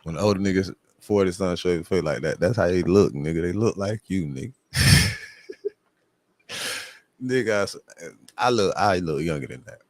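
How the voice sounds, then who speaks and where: A man's voice: sits low, moderate pace, pauses often. A man hosting a casual streamed chat, joking in loose, profane banter. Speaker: host.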